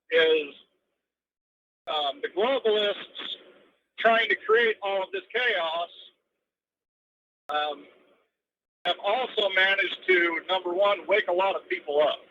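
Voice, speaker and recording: A man with a high, bright voice calls in to a radio show from a moving truck. The line is muffled and lo-fi, with road noise behind him. He rambles earnestly and stacks up his points with plenty of ums. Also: animated, slow pace, pauses often. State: driving while talking. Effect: phone call from a moving truck. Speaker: radio call-in caller. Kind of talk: casual call-in chat. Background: road and vehicle noise.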